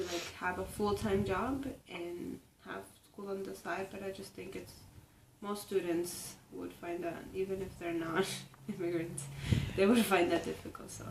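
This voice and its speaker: A young woman in her twenties from Ecuador, a native Spanish speaker, giving a reflective, halting personal interview with frequent restarts. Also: mid-range voice, vocal fry, noisy background. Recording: roomy echo, distant mic, faint ambience.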